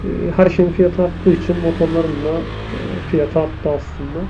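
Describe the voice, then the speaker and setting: This is a motorcycle vlogger's casual chat on the road: a man with a fairly high voice thinking aloud about the traffic. The in-helmet microphone muffles him, and the wind, engine and traffic behind him are loud.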